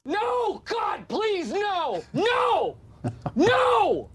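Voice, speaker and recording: A woman's voice: big pitch swings, extremely slow, heavily acted. A sound clip of a woman screaming in panic, played on a livestream. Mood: terrified. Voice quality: shrill screaming. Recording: loud noisy clip.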